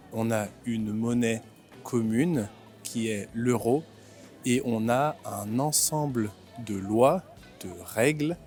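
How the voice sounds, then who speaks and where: Slow, clear-speaking young Frenchman. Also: medium pitch, darkish tone. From France. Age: 20s. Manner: slow, clear, repeats and rephrases simply. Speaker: vlog host and French teacher. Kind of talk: slow comprehensible-input vlog narration. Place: outdoors in a city.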